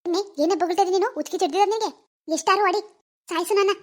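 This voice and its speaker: Woman doing a shrill furious village mother. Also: fairly even intonation, heavy background noise. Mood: angry scolding. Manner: shrill, rapid scolding with insults. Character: furious village mother scolding her teenage daughter.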